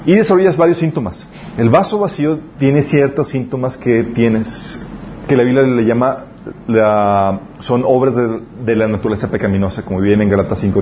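A man preaching a casual, conversational youth sermon, reading scripture and checking that listeners follow. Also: mid-range voice. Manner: conversational, asks listeners to agree. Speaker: youth pastor. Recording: slightly dull lo-fi recording with faint noise.

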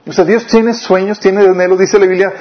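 A man preaching a sermon, often asking the listeners questions and swinging between raised and lowered delivery. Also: a little fast. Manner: questioning the listeners often, lively rises and drops. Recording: dull lo-fi recording.

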